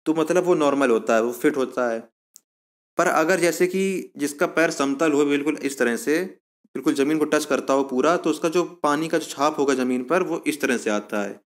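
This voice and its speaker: A man with a fairly high voice presents exam coaching in an informal explanatory lesson. He goes step by step and repeats himself to recap.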